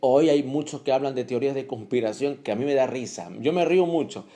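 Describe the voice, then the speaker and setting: A man preaching a sermon with animated exclamations, acting out little scenes and repeating phrases for emphasis. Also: medium pitch, quick pace.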